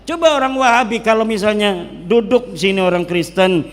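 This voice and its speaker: Man, cleric lecturing in a large hall, high voice, joking, long hall echo. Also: moderate pace. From Banten, Indonesia. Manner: joking, lively, drops into regional dialects. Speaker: Islamic cleric speaking at a public gathering. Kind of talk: public religious lecture.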